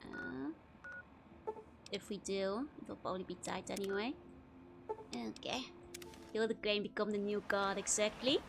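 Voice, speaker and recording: A woman's voice: medium pitch, steady tone, a little slow, long pauses. A woman streamer giving casual, wry, giggly live commentary on a video game. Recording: clearly noisy, game sound behind. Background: video game sounds.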